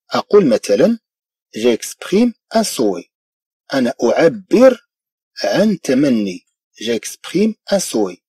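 A man with a Moroccan Arabic accent teaching a French grammar lesson, moving between lively explanation and slow, carefully spoken model sentences. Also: fairly high pitch, husky, no room sound.

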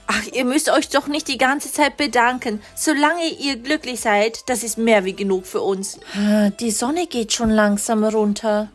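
A woman with a high voice tells an animated doll-game story and plays every part herself. She moves between emotional character voices with lively, expressive delivery. Soft music plays quietly behind her. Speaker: storyteller voicing all characters.

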